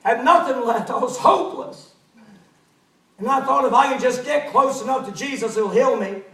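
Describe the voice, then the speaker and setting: Healed woman, put on by a male preacher, earnest, high voice, echoey, far from mic. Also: moderate pace, fairly bright tone. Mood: relieved. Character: woman healed after years of illness, joyful. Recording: echoey church, mic at a distance.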